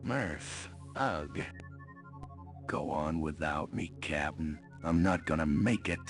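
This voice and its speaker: A man's voice: a bass voice, slow. A man playing a loyal starship crewman in a video game, gasping and groaning like a wounded soldier. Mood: wounded, fading. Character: loyal, good-natured male starship crew engineer. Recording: synth music behind the voice.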